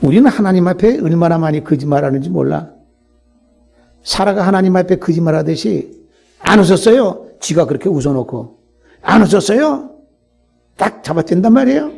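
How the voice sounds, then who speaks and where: Older male pastor, Sunday sermon in a church; fairly high, gravelly voice; conversational, with loud bursts and soft asides. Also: expressive, a little fast, soft background music. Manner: conversational preaching, swinging between loud exhortation and low asides. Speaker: senior pastor. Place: church sanctuary.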